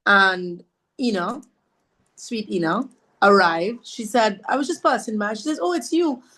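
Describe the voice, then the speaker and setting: A woman tells her story as a podcast guest, speaking at a middling pitch. She is earnest and pauses often, and she brings others' words to life as she recounts them. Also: a bit bright. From Trinidad and Tobago. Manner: halting, with fillers and restarts. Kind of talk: conversational personal storytelling.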